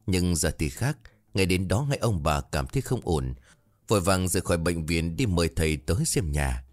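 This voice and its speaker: A man's voice: low-pitched, lively intonation, normal speed, no room sound, studio quality. A man narrating a scripted ghost story, raising his voice for the characters' frightened lines.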